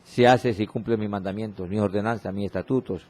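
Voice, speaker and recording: A man preaching a sermon, reading scripture slowly and repeating exhorting refrains, with his voice often dropping low and soft for emphasis. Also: fairly even intonation. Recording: radio broadcast of a church sermon.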